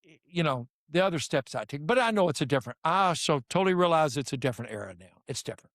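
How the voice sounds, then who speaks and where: A man's voice: a little high, fast talker, no echo, clean studio sound. An older man, a basketball coach telling stories in casual conversation and acting out the dialogue. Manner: animated storyteller acting out dialogue. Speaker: podcast guest, basketball coach.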